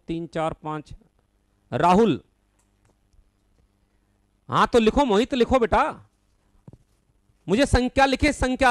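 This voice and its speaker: A male maths teacher running a live online class, calling on students by name, correcting their answers bluntly but patiently, and counting numbers aloud in a steady rhythm. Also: high voice, smooth, no echo. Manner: calls students by name, affectionately addresses them as son.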